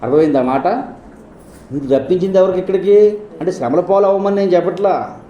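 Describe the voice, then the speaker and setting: A man's voice: sits high, fast talker, warm tone, echoey room, dull audio, slight background noise. A man preaching a sermon as pastor, asking his listeners many rhetorical questions.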